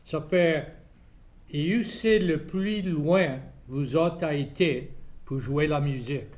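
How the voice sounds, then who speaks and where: A man's voice: on the high side, slow, a little mellow. An older man with a Cajun French accent, hosting a casual, folksy interview. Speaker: programme host, interviewer.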